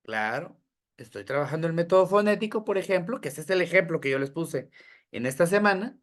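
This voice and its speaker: Lecturing teachers online, a man who trains them in educational psychology goes through ideas step by step, lists examples and keeps asking "¿verdad?" to check they are following. He addresses his audience directly in a high-leaning voice with lively intonation and a fairly quick pace.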